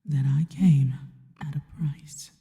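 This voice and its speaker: A woman plays a seductive spider woman in an ASMR roleplay, whispering intimately in a breathy, very dark, low-pitched voice that stays steady. Slow, devoted and deliberate, she sounds musing and teasing, her words trailing into long, hall-like reverb.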